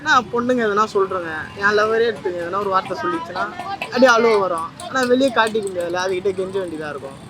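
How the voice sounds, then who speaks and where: Young man, street interviewee, quick speech, earnest, rambling, defensive. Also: high-pitched, a crowd in the background. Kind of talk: casual street interview answers.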